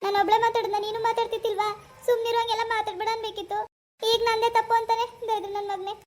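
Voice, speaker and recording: A woman voicing a self-pitying, sharp-tongued village wife in a cartoon, lamenting and scolding. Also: very high-pitched, little pitch movement, quick pace. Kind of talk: Kannada cartoon voice acting.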